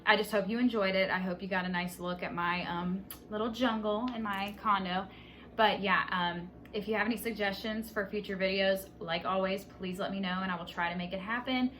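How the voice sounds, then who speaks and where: A woman's voice: lowish voice, fairly bright tone, a little hiss or hum. A woman vlogger giving a casual, upbeat tour of her houseplants around her condo, talking with lots of fillers. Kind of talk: casual home plant tour. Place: her condo, moving between indoors and outside.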